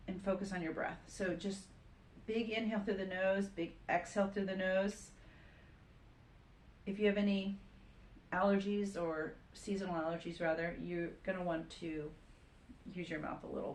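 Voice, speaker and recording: Calm woman guiding yoga, echoey room. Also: fairly low pitch. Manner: calm, steady cueing of breath and poses. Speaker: yoga instructor. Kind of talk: guided yoga instruction.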